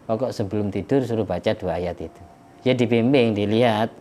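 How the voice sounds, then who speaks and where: A man's voice: lowish voice, brisk, warm tone. A man, an Islamic preacher, explaining worship practice plainly and chanting verses in Arabic during a religious study lecture.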